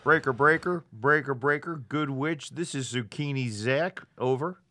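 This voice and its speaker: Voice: mid-range voice, measured pace, sharp tone, no echo. A performer voicing a male trucker who calls in over a CB radio, using trucker call signs and signing off each turn.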